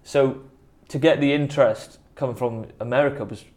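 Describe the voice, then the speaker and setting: He speaks at a moderate pace in a medium-pitched, slightly mellow voice with fairly even intonation. A musician and producer in a band from the South Wales Valleys, he shares a rambling, self-deprecating story as a casual interview guest, with a Welsh Valleys accent.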